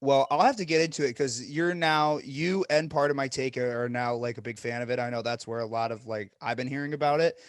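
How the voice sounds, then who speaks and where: A man's voice: medium pitch, fairly quick, hardly any pauses, no echo, studio quality. A young man co-hosting a podcast in casual chat, blunt and profane, joking about food and sports. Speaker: podcast co-host.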